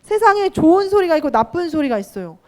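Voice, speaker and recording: A woman teaching a children's Sunday school sermon, animated and sing-song, often asking the children questions. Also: very high voice, fast talker.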